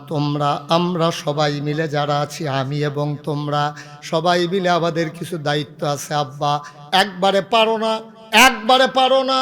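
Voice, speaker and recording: A middle-aged man with a Bangladeshi regional Bengali accent, preaching a waz sermon as a pir with impassioned delivery that swells to loud cries. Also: a little high.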